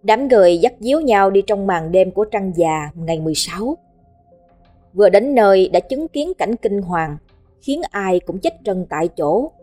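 A woman's voice: mid-range voice, lively intonation, moderate pace, warm tone. Woman reading a ghost story. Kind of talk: scripted ghost story narration. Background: faint background music.

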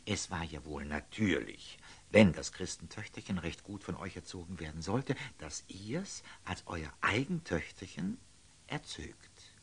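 In a radio play, a male actor with a low, husky, gentle voice plays a humble, kindly old lay brother, giving a full character performance. He speaks classical verse haltingly but with lively intonation, in a warmly earnest mood.

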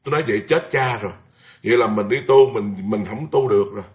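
A man, a Buddhist monk giving a sermon as a lively personal story, full of exclamations. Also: on the low side, fast talker, highs cut off. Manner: animated, exclaiming, mimics chanting for effect. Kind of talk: sermon told as personal anecdote.

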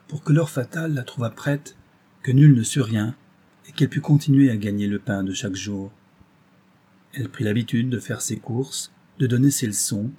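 A man reading a story aloud in measured scripted narration. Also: mid-range voice, warm tone, slightly rough.

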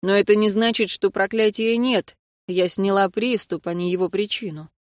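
A woman's voice: mid-range voice, steady tone, moderate pace, no echo, clean studio sound, natural voice. A woman voicing a stern young healer who scolds her sister in firm tones.

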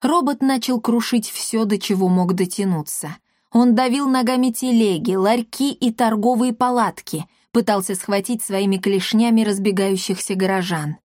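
A woman narrating a children's audiobook in a measured storytelling manner. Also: medium pitch, darkish tone, no echo, clean studio sound. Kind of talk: scripted narration.

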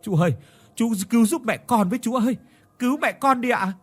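A man's voice: very high voice, a little fast, voice pushed up. A man voicing a grief-stricken young boy who cries and begs for help. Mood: pleading. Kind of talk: storytelling with acted voices.

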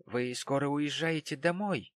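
A man voicing a shy, modest young man who talks softly and hesitantly. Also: fairly high pitch, a little slow, no echo, voice pushed up, natural voice. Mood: bashful. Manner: soft, hesitant.

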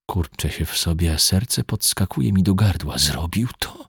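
A man narrates an audiobook story in a very deep, husky voice. His reading is expressive and dramatic, with lively swings in pitch, in a dry, close sound. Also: normal speed, no echo.

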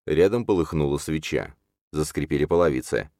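A man narrating a dark fantasy audiobook in a measured, hushed storytelling manner. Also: a bass voice, animated, no room sound, clean studio sound.

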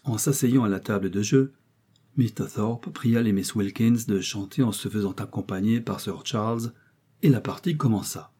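Male audiobook narrator, measured and even, dark husky tone. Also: on the low side. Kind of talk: scripted literary narration.

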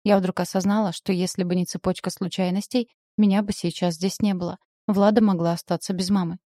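A woman reading a first-person novel aloud in a steady, emotive way. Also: fairly low pitch, brisk, no echo, studio quality. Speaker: audiobook narrator. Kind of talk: scripted narration.

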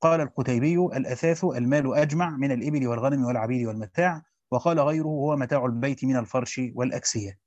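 A man's voice: mid-range voice, a little mellow, dry recording. A man reading a classical commentary aloud and stopping to explain it in plain speech, like a teacher. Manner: reads fast, stops to explain in Egyptian Arabic. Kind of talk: reading a classical text aloud with spoken asides. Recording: dull dry lo-fi recording.

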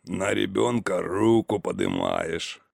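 A man doing a deep, slow, reproachful officer. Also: steady tone, vocal fry, dry recording, clean studio sound, full character voice.

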